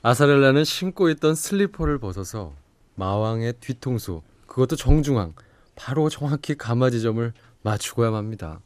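A man's voice: mid-range voice, lively intonation, moderate pace, no echo. A man narrating a fantasy audio drama in a dramatic, playful scripted style.

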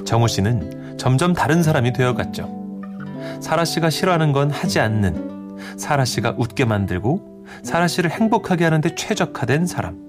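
A man narrating a story in a gentle storytelling manner. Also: medium pitch, very animated, normal speed. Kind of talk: scripted narration. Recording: soft guitar music behind.

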